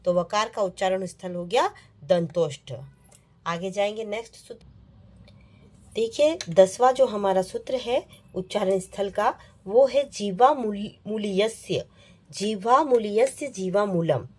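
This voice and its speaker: Slow, patient woman teacher. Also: mid-range voice, a little mellow. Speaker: Sanskrit teacher. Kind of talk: online classroom lesson.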